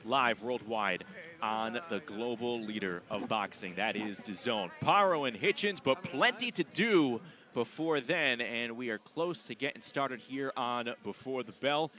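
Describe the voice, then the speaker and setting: Bright, forceful male boxing commentator. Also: mid-range voice, unhurried. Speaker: boxing commentator and broadcast host. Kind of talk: live sports commentary.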